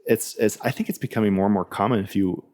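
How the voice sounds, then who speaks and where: A man's voice: lowish voice, fast talker, a little mellow. A man speaking as a podcast guest in a loose, rambling way, restarting his sentences and leaning on fillers. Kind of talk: casual podcast chat.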